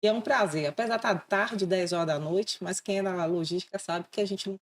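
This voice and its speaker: A woman, a relaxed interview guest with self-mocking humour. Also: mid-range voice, fairly quick, crowd noise. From Salvador, Brazil. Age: 30s. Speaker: guest, insurance broker. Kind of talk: casual interview chat.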